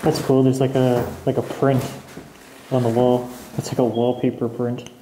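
Wearing a respirator, a young man from Canada hosts an urban exploration, wandering an empty abandoned house while musing aloud and laughing freely. Recorded on a camera mic with background noise, his mid-range voice comes across flat at a moderate pace.

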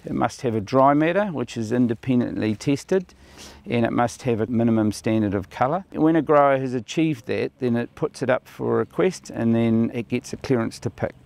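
Older man with a gravelly voice. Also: mid-range voice, moderate pace, darkish tone. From New Zealand. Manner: plain, explanatory, with fillers and restarts. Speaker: orchard owner and company founder. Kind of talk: on-camera interview. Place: outdoors in a kiwifruit orchard.

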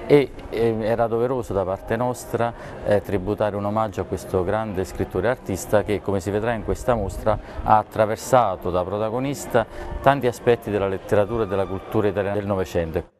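A man's voice: fairly low pitch, brisk, darkish tone, a little hiss or hum. A man who organizes a film festival, giving a formal, ceremonious statement in a TV interview.

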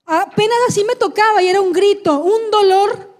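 A woman with a very high voice recounts her own story as a church testimony. She speaks fervently and emotionally, breaking into loud prayers of thanks. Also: fast. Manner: fervent, prays aloud, addresses listener as "hermano". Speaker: guest giving testimony.

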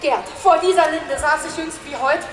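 A woman playing a worried middle-aged farmer husband in an amateur reading of a verse play, hushed and brooding with slips into giggles. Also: sits high, normal speed, echoey room, big-room sound, soft background music, natural voice. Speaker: amateur actor. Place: room at home.

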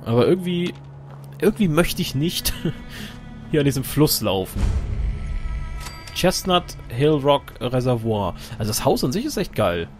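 A man's voice: mid-range voice, sing-song, measured pace, long pauses, faint music behind. A man giving casual, joking let's play commentary while he plays, talking to himself and his companion.

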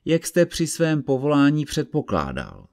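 A man's voice: a little high, wildly swooping pitch, a little mellow, voice pushed up. A man voicing a pompous, irritable wizard who speaks in an indignant, haughty way in an audiobook reading. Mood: offended.

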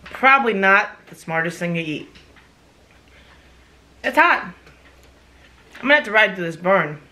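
A woman's voice: mid-range voice, animated, a little fast, pushed and bright. A middle-aged woman talking casually to camera in a home kitchen while her mouth burns from spicy food, with a runny nose and frequent exclamations. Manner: exclaiming with whews and short pained remarks. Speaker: vlogger doing a hot chip challenge. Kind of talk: casual reaction vlog to camera. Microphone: camera across the table.

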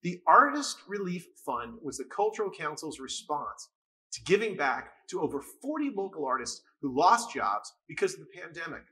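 A man's voice: on the high side, very animated, normal speed, sharp tone. A man co-hosting an arts awards show, upbeat and jokey as he makes a fundraising appeal.

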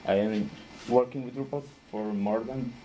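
A man's voice: mid-range voice, steady tone, moderate pace, mellow, rough recording. Guy giving a conference talk, chuckles a lot, faint room hum behind. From Costa Rica. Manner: friendly, laughs often, searches for words. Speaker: conference speaker.

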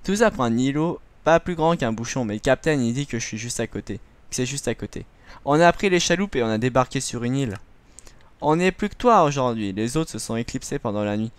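A man's voice: mid-range voice, expressive, a little fast, no room sound, close to an everyday voice. A man doing a grumbling pirate sailor. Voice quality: put-on rough sailor's voice, raised and gruff. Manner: reads a logbook in old slang, grumbling. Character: old male pirate sailor writing a ship's log, fearful and rough. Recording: music playing behind.

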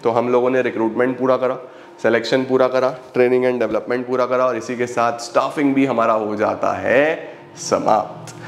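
A man teaching an exam-revision lesson, lively and repetitive, posing rhetorical questions and slowing right down to dictate definitions. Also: medium pitch, a little hiss or hum. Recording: echoey room.

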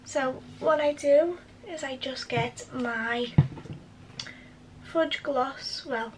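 A woman's voice: sits high, very slow, recorded from a distance, a little hiss or hum, poor audio. A young woman chatting to camera as she walks viewers through each step of her routine at home. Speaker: beauty vlogger. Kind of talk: casual how-to chat to camera. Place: at home, indoors.

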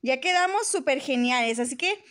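A Mexican woman hosting gameplay for small children in a bright, squeaky, sing-song manner. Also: lively intonation, normal speed. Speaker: host of a children's gaming channel.

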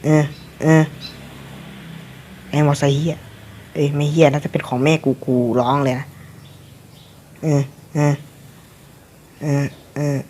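A man's voice: a little high, steady tone, slow, pauses often, a little mellow, a little hiss or hum. A young man casually commentating his own gameplay, rambling and cursing at the game with frequent chuckles.

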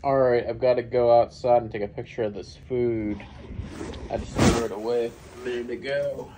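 A man making a casual, deadpan complaint as a prank caller, rambling in a gravelly voice. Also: medium pitch, moderate pace. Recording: faintly noisy phone-camera recording.

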